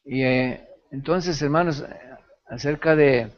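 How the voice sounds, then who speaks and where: A man teaching a pastoral ethics class, telling a lively story from his own past with laughter. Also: on the high side, measured pace, muffled recording. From Mexico. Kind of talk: sermon-style lecture.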